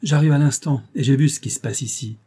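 A man voicing a brave young sailor who speaks calmly and curtly, in a husky, warm voice. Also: mid-range voice, quick pace, pitched above the performer's own voice, close to an everyday voice. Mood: calm, firm. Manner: calm, dry and brief.

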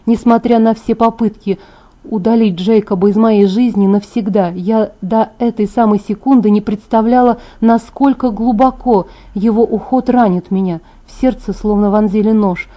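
A woman's voice: medium pitch, fairly even intonation, moderate pace, dark tone, dull audio. A woman narrating a first-person novel as an audiobook, reading with heartfelt emotion.

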